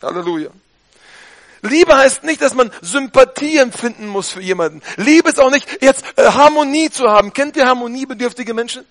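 A man preaching a lively sermon to his congregation, often calling for amen and halleluja. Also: very high voice, normal speed. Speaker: pastor.

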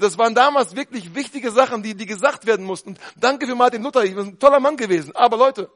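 A man preaching a sermon with fervour, dropping to quiet talk and then shouting out his points. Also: extremely high pitch. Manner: fervent, switches between quiet talk and shouting.

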